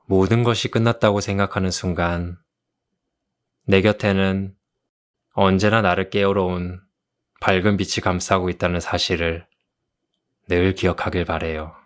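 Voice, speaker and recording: A man doing an ASMR role-play as a kind therapist, speaking gently and consolingly like a tender romantic leading man. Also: low voice, level tone, clean tone. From South Korea. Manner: gentle, consoling, slow storytelling. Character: kind, soothing male therapist comforting a patient. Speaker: ASMR role-play performer as a counseling doctor.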